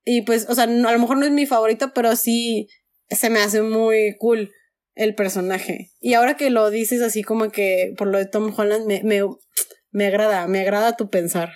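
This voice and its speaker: A woman chats in a relaxed, talkative way. She laughs easily and stops to restart her thoughts. Her voice sits a little higher than most women's. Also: moderate pace. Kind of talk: casual chat.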